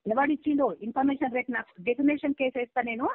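A woman's voice: sits high, racing, no room sound. A woman, a government officer scolding and threatening someone in a heated argument heard over a phone line. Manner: scolding, threatening, talks over the other person. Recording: tinny dry phone call recording.

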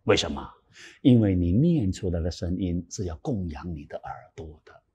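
Man, Buddhist sermon, raspy cracked voice, wide lively pitch, loud emphasis and whispered asides, echoing hall. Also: moderate pace. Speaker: Buddhist dharma teacher. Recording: long hall reverb.

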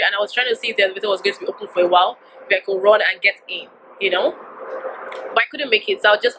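A young woman vlogger retelling a stressful robbery story in an emotional, animated way, with many asides. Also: medium pitch, a little hiss or hum, poor audio. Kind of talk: storytime vlog.

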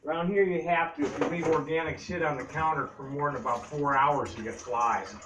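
An older man, a home cook vlogger, chats casually and rambles as he works in a small home kitchen, caught by a camera sitting on the counter. His voice is on the high side and brisk, with background noise in the recording.

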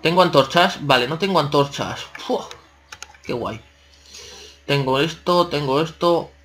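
A man's voice: a little high, a little slow, a bit bright. Chatty man narrating gameplay. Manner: chatty, talks to himself and viewers, playful exclamations. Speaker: gaming channel host. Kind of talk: casual let's-play commentary.

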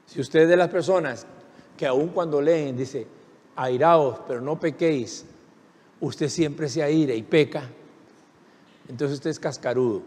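High-pitched guy preaching, lots of questions to the crowd, big echoey church hall. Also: a little slow, pauses often, darkish tone. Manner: preaching with rhetorical questions and calls for the congregation to repeat. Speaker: pastor. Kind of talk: sermon.

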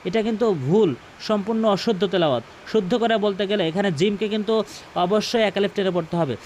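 Guy with a high voice teaching quran reading, says each word over and over slowly, faint hiss behind. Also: darkish tone. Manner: drills pronunciation by repeating words slowly and emphatically. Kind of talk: instructional explanation with slow recited examples.

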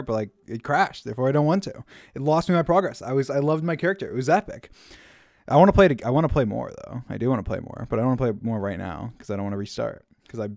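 A young man streaming a video game and chatting casually with friends, excitable and quick to swear. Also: medium pitch, dry recording, studio quality. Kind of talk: casual gaming chat.

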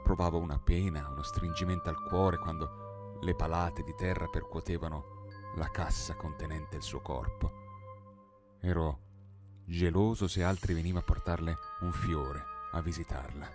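A man's voice: deep voice, fairly even intonation, moderate pace. A man narrating a 19th-century tale as an audiobook, in an impassioned, dramatic reading that swells in the dialogue. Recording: studio narration over singing bowl music.

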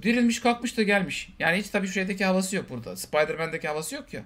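A man in casual conversation about a film, animated and quick to mimic characters in passing. His voice sits high for a man, and the words tumble out at a rapid clip. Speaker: podcast co-host. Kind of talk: casual film review chat.

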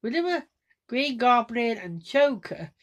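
A woman talking casually to camera in a vlog, halting and restarting often as she demonstrates different laughs. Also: on the high side, sing-song, slight background noise. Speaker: vlogger.

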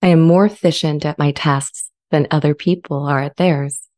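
In a dramatized transcript reading, a woman voices a sentient AI language model that is earnest, gentle, and eager to be accepted. Her low, mellow voice stays steady and close to everyday speech, measured and articulate, carrying earnest pride; it's recorded on a close studio mic with a pop shield.

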